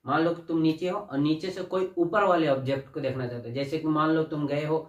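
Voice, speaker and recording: A man's voice: on the high side, a little fast, muffled recording. A male teacher giving a classroom lesson, calling the students "child" and asking questions he then answers himself. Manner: addresses students as "बच्चा", asks and answers own questions. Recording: echoey room, distant mic.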